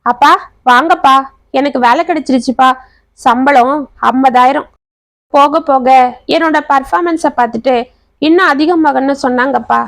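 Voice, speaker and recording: A woman's voice: sits high, normal speed, long pauses, a bit bright, no echo. A woman voicing an earnest, anxious young man who is a devoted son. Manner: earnest and pleading.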